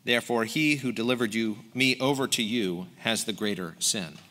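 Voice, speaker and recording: A man reading the part of a calm, solemn prisoner who answers quietly. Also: on the low side, moderate pace. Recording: long hall reverb.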